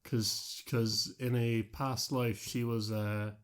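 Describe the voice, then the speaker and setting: With a slow, level, clean-sounding voice of medium pitch, this Irish podcast co-host drifts through casual talk. He's amused and rambling, frequently leaving sentences unfinished.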